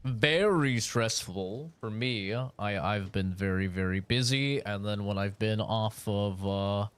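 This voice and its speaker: This is a young man's lowish, smooth voice, unhurried as he chats loosely during a game stream, wandering from topic to topic and swearing casually.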